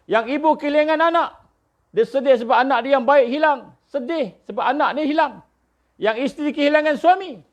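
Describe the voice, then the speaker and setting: A man's voice: very high voice, pitched above the performer's own voice. A man voicing a dying pious man rebuking his family, earnest and reproachful, on a dull lo-fi recording.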